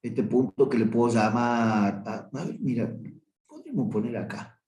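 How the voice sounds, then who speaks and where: A man's voice: medium pitch, sing-song, moderate pace, a little mellow. A man teaching a review class on limits, talking through a graph and stopping often to correct himself. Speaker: math teacher. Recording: roomy echo.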